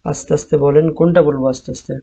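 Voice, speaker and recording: A man with a Bangladeshi Bengali accent teaching an online Arabic class, drilling word forms slowly and repeating them. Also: on the high side, fairly even intonation, mellow, breathy edge, rough recording.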